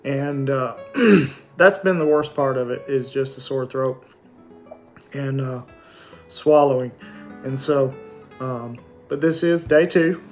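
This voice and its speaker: A man in his forties giving a casual, matter-of-fact video diary, speaking haltingly with a sore throat and a swollen, numb lip and jaw. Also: mid-range voice, faint music behind. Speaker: vlogger giving a post-surgery recovery update. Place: small indoor room at home with shelves. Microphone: phone or webcam at arm's length.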